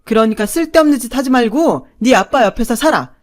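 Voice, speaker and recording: A woman voicing a cold, harsh middle-aged stepmother who scolds and shouts curtly in a radio story reading. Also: mid-range voice, very animated, moderate pace, natural voice. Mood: cold, shouting.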